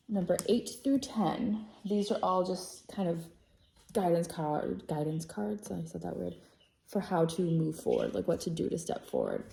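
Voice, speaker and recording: A woman with a low, gravelly voice gives a casual tarot reading to camera. Her tone is mellow and dark. She rambles, corrects herself and stops to apologize as she checks her notes. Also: roomy sound. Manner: chatty, rambling, self-correcting; reads from notes, apologizes often. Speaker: tarot reader.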